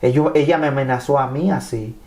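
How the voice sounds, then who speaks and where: A man from Mexico who speaks Spanish as his first language, telling his immigration story in an animated testimony, often repeating and restarting his phrases. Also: medium pitch, fairly quick. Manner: repeats and restarts phrases, acts out quoted dialogue.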